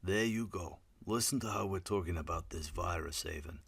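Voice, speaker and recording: A man voicing a bearded Russian lab manager, his R sounds softly rolled. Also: sits low, moderate pace, vocal fry, slightly rough, no room sound, exaggerated voice. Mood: wry. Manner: soft rolled R.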